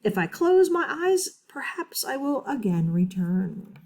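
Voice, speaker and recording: A sleepy old man from a storybook, as a woman puts him on, grumbling in slow, drawn-out words. He sounds drowsy and put out at being disturbed. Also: a little high, sing-song, darkish tone, heavily acted. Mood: grumpy dreamy. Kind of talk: storybook reading aloud.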